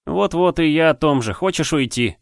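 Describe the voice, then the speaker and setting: A man's voice: fairly high pitch, lively intonation, moderate pace, vocal fry, no echo, pitched above the performer's own voice. A brash, cheeky young boy who taunts in slang and likes to boss others around, as a man puts him on. The voice sits raised and swings up and down a lot. The recording is dry and close. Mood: taunting. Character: brash cocky boy, sharp-tongued and bossy.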